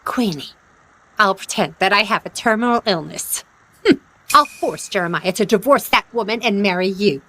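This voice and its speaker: A woman's voice: big pitch swings, bright, forceful tone, in a large hall, exaggerated voice, poor audio. An actress playing a domineering older mother who fakes an illness to control her son, with a scolding, imperious manner. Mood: scheming. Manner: imperious, scolding, slow and high. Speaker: mother-in-law in a short drama. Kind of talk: dubbed drama acting.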